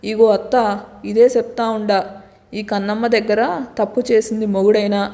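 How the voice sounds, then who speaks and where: A woman's voice: medium pitch, little pitch movement, normal speed, dark tone, big-room sound, lightly acted. A woman voicing a feisty young village wife who talks in a blunt, rustic, scolding way. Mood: fierce.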